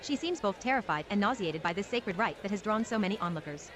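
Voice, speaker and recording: A woman's voice: mid-range voice, animated, fast, a little hiss or hum. A woman reading dramatic scripted narration as the narrator of a fantasy game.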